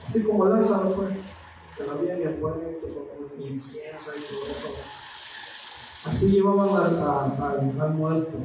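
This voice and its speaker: A male pastor preaching a sermon, often calling his listeners brothers and pausing to search for words. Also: fairly high pitch, a little mellow, muffled recording, slight background noise. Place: church hall. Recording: very echoey room from far off.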